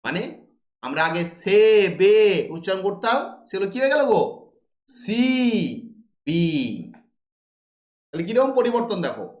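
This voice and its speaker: A man with a high-pitched voice gives a classroom lecture. He poses rhetorical questions and answers them himself. The sound rings around a roomy, echoey space. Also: very animated, unhurried, pauses often. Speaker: teacher. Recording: roomy echo.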